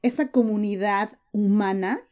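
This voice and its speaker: Woman, young adult, earnest, emphatic, warm voice. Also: mid-range voice, a little slow. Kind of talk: conversational interview.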